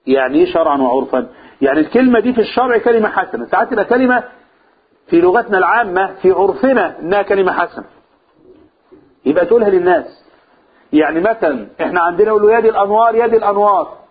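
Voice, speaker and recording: A man with an Egyptian accent explains a religious text to a class. He often stops to ask his listeners questions and repeats key phrases. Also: high voice. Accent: Egyptian Arabic. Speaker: religious teacher. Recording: tinny phone-like, husky sound.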